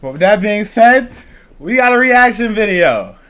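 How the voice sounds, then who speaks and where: A man hosting a casual reaction video, talking in a loose, rambling, excitable way. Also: sits high, measured pace, a little hiss or hum. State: out of breath. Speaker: channel host reacting to a video.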